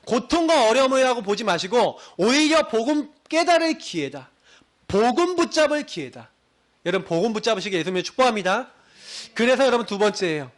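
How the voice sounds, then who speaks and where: Animated high-voiced male pastor preaching. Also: fairly quick. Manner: animated preaching, acts out quoted prayers and voices. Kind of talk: sermon.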